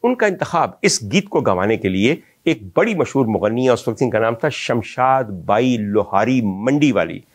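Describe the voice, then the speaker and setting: A Pakistani man, a film music historian hosting the talk, recounts the history of old film songs in a storytelling style. His delivery is ornate and reminiscent, addressed straight to the audience, with a medium-pitched, animated voice at a normal pace and few pauses.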